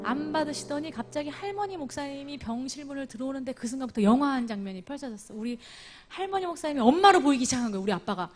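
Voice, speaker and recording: A woman telling her life story as a church testimony, moving from loud exclamations to near whispers. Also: high-pitched. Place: church service. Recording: music playing clearly behind her voice. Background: instrumental music.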